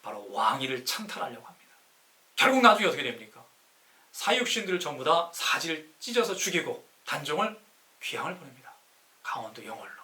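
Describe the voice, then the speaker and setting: His voice fairly high, very animated, brisk, pushed and bright, a city councilor hosts a live-streamed lecture on classical poetry. He teaches emphatically through self-answered rhetorical questions, lengthening key words even with a sore throat.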